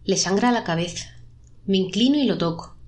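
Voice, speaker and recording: A woman narrating a dark story, voicing the trapped souls in a raised, pleading pitch. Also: animated, brisk.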